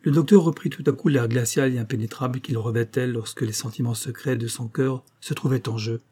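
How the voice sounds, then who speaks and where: A man narrating a novel in a steady, even reading voice. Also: medium pitch, a little fast, husky. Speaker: audiobook narrator. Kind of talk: scripted narration.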